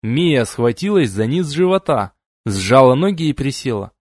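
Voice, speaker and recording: A man's voice: mid-range voice, sing-song, a little slow, darkish tone, no room sound, clean studio sound. A man narrating a fantasy audiobook expressively, giving each character a voice.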